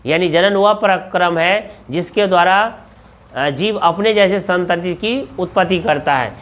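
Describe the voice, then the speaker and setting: A man's voice: sits high, fairly bright tone. A male coaching teacher going through objective exam questions, asking each question aloud and answering it himself, repeating every answer for drilling. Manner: asks questions then answers them himself. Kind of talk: exam question walkthrough lesson.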